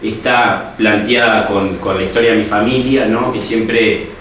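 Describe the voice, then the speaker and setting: A man's voice: on the low side, steady tone, unhurried, fairly bright tone. A young man with a Uruguayan Spanish accent, a history student and teacher, speaking reflectively with many restarts and tag questions in a personal interview. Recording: echoey room, distant mic, faint noise.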